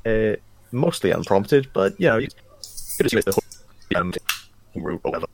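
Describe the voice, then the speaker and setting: A man co-hosting a podcast, giving a relaxed, rambling recap of a story with plenty of fillers over an internet call. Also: fairly low pitch, moderate pace, gravelly, a little hiss or hum. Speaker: podcast co-host. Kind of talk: casual chat, summarizing a book. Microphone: video call. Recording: lagging internet call audio.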